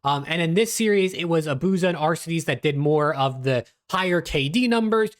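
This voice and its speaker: Higher-voiced man talking with mouth stitches. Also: lively intonation, normal speed. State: talking with stitches in mouth after dental surgery, slightly constrained speech. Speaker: esports recap video host. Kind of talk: casual esports analysis commentary to camera. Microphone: webcam video setup.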